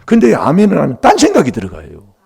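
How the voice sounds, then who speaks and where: A man's voice: fairly high pitch, huge pitch swings, fast, creaky, darkish tone, breathy edge. A middle-aged man preaching a sermon in a church, emphatic and prompting the congregation for replies.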